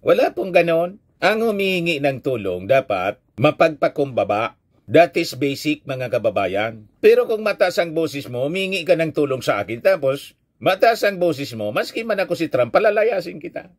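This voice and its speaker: A man's voice: a little high, sing-song, moderate pace. A middle-aged Filipino man giving opinionated news commentary in a scolding, preachy way, reading headlines aloud between his own remarks.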